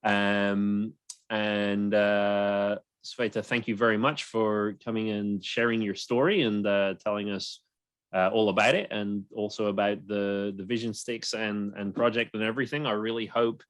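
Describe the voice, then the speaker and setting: Young guy hosting a podcast, lowish voice, dry close sound, rambling storyteller. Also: little pitch movement, a little slow, clear, resonant tone, no echo. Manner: storytelling, many restarts and fillers. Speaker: podcast host. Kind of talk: casual podcast chat.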